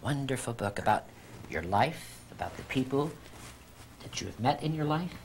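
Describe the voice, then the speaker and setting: An older man hosts a casual talk show interview in an effusive manner. His mid-range voice swings widely in pitch, with a faint hiss on the old recording. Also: animated, moderate pace, rough recording. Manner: effusive, repeats guests' words back. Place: small dim TV studio.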